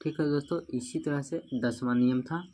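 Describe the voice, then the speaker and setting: A man's voice: medium pitch, normal speed, mellow. A man teaching a grammar lesson, repeating each rule and spelling words out syllable by syllable, often checking in with "okay?". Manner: repeats rules, asks "ठीक है ना" often.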